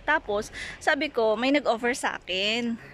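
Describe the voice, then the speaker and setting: A chatty woman from the Philippines tells a story straight to her viewers in a casual vlog. Her voice sits a little high, and she keeps calling them guys as she retells conversations. Faint background noise runs underneath. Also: unhurried, a bit bright. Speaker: vlogger. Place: Greece.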